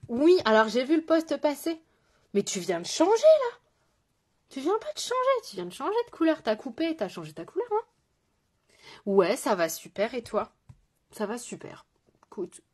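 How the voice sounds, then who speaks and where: A woman's voice: mid-range voice, darkish tone. A woman with a French accent, a makeup artist chatting casually through a live tutorial, greeting viewers and joking about herself. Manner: chatty, greets viewers, self-mocking asides.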